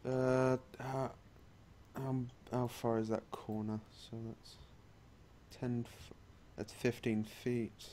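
A man's voice: medium pitch, little pitch movement, slow pace, warm tone, a little hiss or hum. A man playing a tabletop game who states his moves in a blunt, decisive, casual way. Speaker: player.

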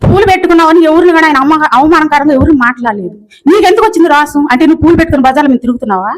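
Fast, high-voiced scolding woman. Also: lively intonation, low-quality recording. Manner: scolding, rapid and repetitive. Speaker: video commenter. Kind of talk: angry rant.

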